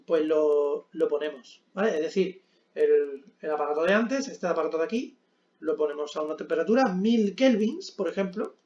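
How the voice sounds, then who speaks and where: A man's voice: a little high, animated, normal speed, darkish tone, echoey room, muffled recording. A man teaching a physics lesson at a board, explaining step by step with frequent check-ins and hesitant fillers.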